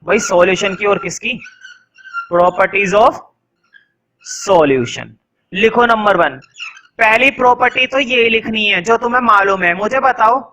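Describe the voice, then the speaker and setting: A young male science teacher talks in a high, bright voice. He quizzes his students as he goes. He then slows right down to dictate notes word by word. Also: poor audio. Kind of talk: classroom lecture in Hindi with English dictation.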